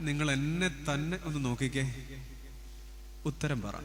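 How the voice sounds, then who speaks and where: A priest preaching a sermon slowly and emphatically, breaking into sung hymn lines. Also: male voice, on the high side, in a large hall, slight background noise.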